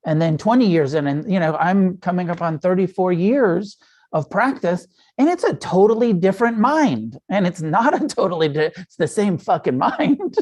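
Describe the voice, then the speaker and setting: A man's voice: high-pitched, expressive, moderate pace, a little mellow. A middle-aged man teaching meditation in a loose, conversational dharma talk. He speaks frankly, swears freely and often stops to restart a sentence. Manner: frank and profane, with frequent fillers and self-restarts.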